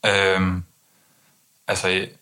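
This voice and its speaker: A young man speaking in a monotone, low-key way with many hesitant restarts, talking candidly as an interview guest. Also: smooth. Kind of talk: candid personal conversation.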